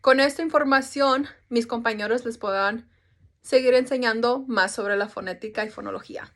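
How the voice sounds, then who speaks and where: A woman's voice: on the high side, normal speed, a bit bright. A young woman explaining a topic in a class presentation, casual, with restarts and English fillers. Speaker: student presenter.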